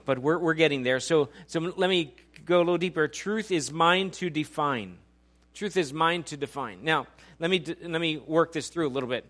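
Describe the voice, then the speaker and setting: A man in his forties, his voice mid-range with a fairly bright tone, preaches a sermon in a church auditorium. He's conversational and jokey, quizzing the congregation as he goes.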